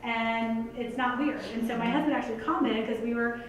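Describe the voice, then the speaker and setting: A woman's voice: a little high, fairly even intonation, a little fast, slight background noise. A woman giving a motivational talk to a live audience, earnest and conversational, full of "like" and "you guys". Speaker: motivational speaker. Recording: echoey hall picked up from a distance.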